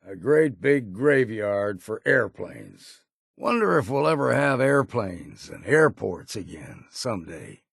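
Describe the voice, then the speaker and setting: A male actor playing a grizzled old hunter in a video game, folksy and wary, with gruff good humor and a gravelly voice. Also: mid-range voice, very animated, slow, dry recording, clean studio sound, heavily acted. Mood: musing, gruff. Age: older. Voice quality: gravelly, husky. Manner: folksy, drawling old-timer phrasing. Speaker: video game companion character. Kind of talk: scripted game voice lines.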